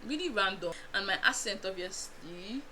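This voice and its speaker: In a casual, animated storytime vlog, a young Nigerian woman with a Nigerian accent talks to her viewers, laughing frequently and adding side comments. Her pitch is medium, her speed normal, and there's slight noise in the background.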